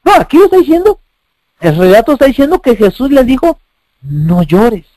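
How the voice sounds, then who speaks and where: A man delivers a sermon in a very high, animated voice that swoops up and down. He preaches emphatically, repeating phrases and asking rhetorical questions. The recording is dry and close. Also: moderate pace, dry recording, low-quality recording.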